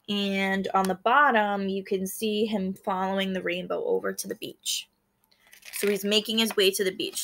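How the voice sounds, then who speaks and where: With a medium-pitched, slightly bright voice, a female teacher reads a children's book to her class. She stops to explain the story directly to the pupils as she goes.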